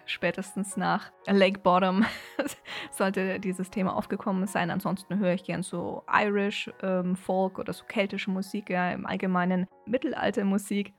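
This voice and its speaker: A woman's voice: medium pitch, vocal fry. A woman in her thirties co-hosting a casual podcast, breaking into laughter often. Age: 30s. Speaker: podcast co-host.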